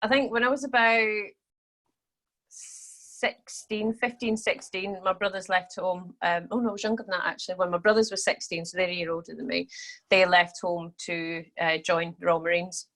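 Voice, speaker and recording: A woman's voice: on the low side, fairly even intonation, moderate pace, fairly bright tone, rough recording. A Scottish woman from southwest Scotland, a podcast guest talking casually about her family and past and laughing easily. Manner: chatty, laughs easily, speeds up when recounting. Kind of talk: casual interview conversation.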